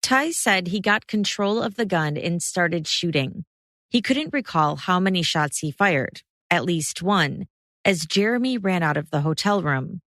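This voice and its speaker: A woman host reading a scripted true-crime narration in a measured, steady way. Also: lowish voice, dry recording, clean studio sound. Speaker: podcast host.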